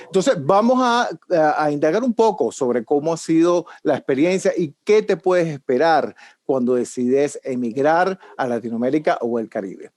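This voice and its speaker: A man's voice: fairly high pitch, a little mellow, dry recording. A man hosting an online panel, asking questions in a friendly, upbeat way. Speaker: host. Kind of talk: panel interview host.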